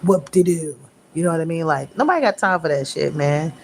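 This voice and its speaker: Blunt, profane woman tarot reader, casual and animated, slightly low voice, faint noise. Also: fast, gravelly. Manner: profane, blunt, animated slang-heavy talk; mimics listeners in raised voice.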